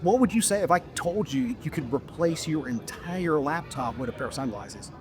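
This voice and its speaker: A man's voice: a little high, expressive, normal speed. A man casually demonstrating a product to someone face to face, with informal, instructive sales patter. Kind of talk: casual product demo to a passer-by.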